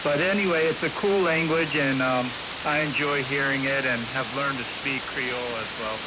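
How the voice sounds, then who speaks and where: A man with a medium-pitched voice and moderate pace chats on a shortwave amateur radio link, signing off his turns with "over." The signal is muffled and full of hiss.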